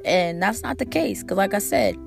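A woman hosting a casual motivational monologue, slangy and emphatic with swearing, her squeaky, strained voice hoarse from a cold. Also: normal speed, music in the background. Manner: slangy, swearing, emphatic, repeating key phrases. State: hoarse from a cold, recovering from a lost voice. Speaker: podcast host.

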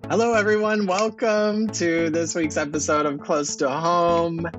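A man's voice: on the high side, fairly even intonation, measured pace, dull audio, over music. A man hosting a podcast in a friendly, eager way, welcoming his guests. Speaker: podcast host, realtor.

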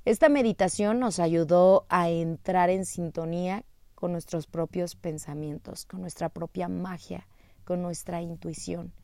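A woman telling a personal story in an expressive, animated way. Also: fairly low pitch, dry recording, clean studio sound.

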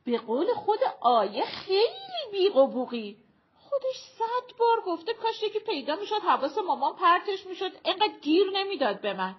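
A woman voicing a lively, joking adult woman friend in an audiobook. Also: very high-pitched, muffled recording, voice pushed up. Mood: teasing. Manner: playful, quick, joking.

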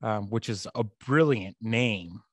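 A man's voice: on the low side, unhurried, fairly bright tone, no room sound. Male podcast co-host, American with slight Boston touches, teasing sports banter, dry close sound. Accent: American, occasional slight Boston. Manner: teasing, emphatic.

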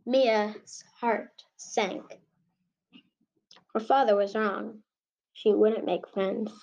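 A woman narrating a home-made children's story in a slow, earnest way. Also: medium pitch, steady tone, gravelly, darkish tone, dull audio.

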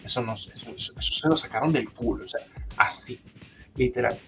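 A young Venezuelan man on a podcast, telling a story in casual chat, animated and full of swearing and slangy asides. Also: mid-range voice, fairly quick, creaky, faint music behind. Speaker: podcast co-host.

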